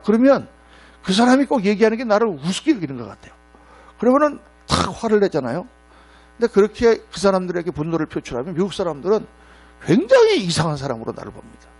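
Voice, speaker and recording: A middle-aged male pastor preaching a sermon in a church, telling stories and acting out the quotes. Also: sits high. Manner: storytelling with acted-out quotes, animated. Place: church sanctuary. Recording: mains hum.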